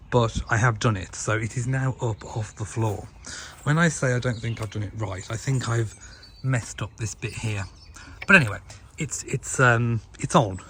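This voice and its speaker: A man's voice: mid-range voice, slight background noise. Chatty English man vlogging. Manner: chatty, self-deprecating, rambling. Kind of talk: casual chat.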